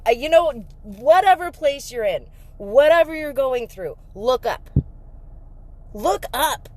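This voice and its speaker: A woman telling an emotional faith story in a casual vlog, emphatic and excitable, breaking into laughter. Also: high-pitched. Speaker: faith vlogger.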